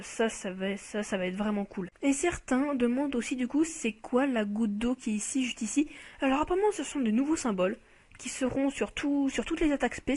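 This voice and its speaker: A woman with a fairly high voice talks through a game card in a relaxed, unscripted commentary. She is chatty and keen, stumbling over her words and filling pauses as she thinks aloud. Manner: hesitant, with many fillers and restarts; chatty and enthusiastic about the card. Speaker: YouTuber reviewing a mobile game card. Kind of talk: casual spoken game commentary.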